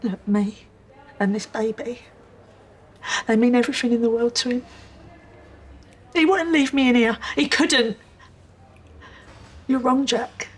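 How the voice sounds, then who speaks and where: A woman's voice: fairly high pitch, steady tone, measured pace, long pauses, slightly rough. An actress playing a frightened, tearful pregnant woman held for murder, pleading and anxious. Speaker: murder suspect in custody.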